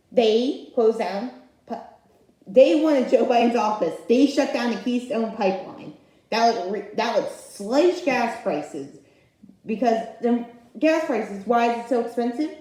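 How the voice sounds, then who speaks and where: A woman's voice: on the high side, mellow. A woman hosting her own channel, giving an opinionated political commentary rant that rambles and often restarts. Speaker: channel host. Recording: very echoey room.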